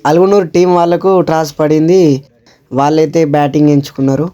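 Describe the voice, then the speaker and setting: A man's voice: on the high side, fairly even intonation, fast, mellow, smooth, lo-fi sound. A man with a Telangana Telugu accent narrating a local tournament vlog in a casual way. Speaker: vlogger presenting a local tournament.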